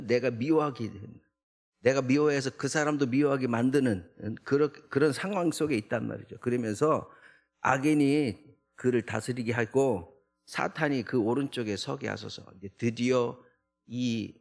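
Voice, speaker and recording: A man's voice: mid-range voice, gravelly. A man, a junior pastor, giving an early morning prayer sermon in a church, talking conversationally and often tagging lines with a rhetorical "eh?". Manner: conversational, with frequent rhetorical "eh?" tags; acts out the psalmist's protests in a raised voice. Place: church sanctuary.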